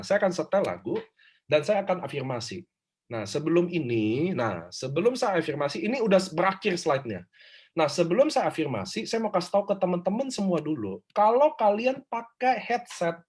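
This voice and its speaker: Husky man, fairly high voice, lively and emphatic, online workshop speaker on a call mic. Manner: animated, informal, emphatic. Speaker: motivational speaker. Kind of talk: online motivational workshop talk. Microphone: video call.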